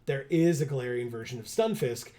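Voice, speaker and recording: Guy streaming a game, rambly, lots of ums and laughs, mid pitch. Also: a little fast, dark tone. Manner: laughs often, rambling with fillers. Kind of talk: casual livestream chat.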